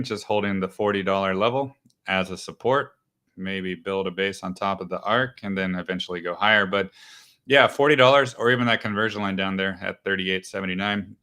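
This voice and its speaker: Hosting a live market show, a man walks through stock charts casually and conversationally. His voice is a bit low and smooth yet pushed and bright, and he thinks aloud with fillers and small restarts between points.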